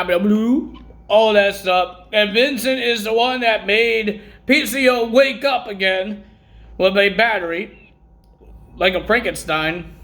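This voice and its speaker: A man's voice: high-pitched, fairly bright tone. A man recapping wrestling results in a casual vlog, rambling and correcting himself while he has the hiccups.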